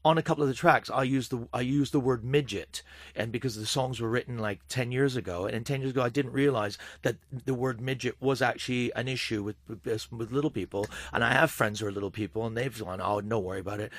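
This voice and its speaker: A man's voice: mid-range voice, fairly quick, dry recording. A man, a comedian, chatting casually as a guest, stopping and restarting his sentences often and laughing a lot. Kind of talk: casual podcast chat.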